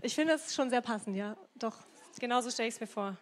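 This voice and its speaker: A woman preaching a casual, lively sermon, retelling a story and mixing in English words. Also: fairly high pitch, fairly quick. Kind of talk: youth sermon with Bible reading.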